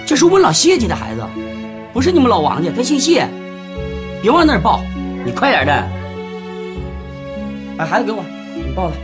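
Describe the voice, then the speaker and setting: A man's voice: high voice, wildly swooping pitch, a little fast, long pauses, loud music behind the voice. A blustering old village grandfather. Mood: bossy. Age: older. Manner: loud, scolding, blustering. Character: bossy stubborn village grandfather, quick-tempered.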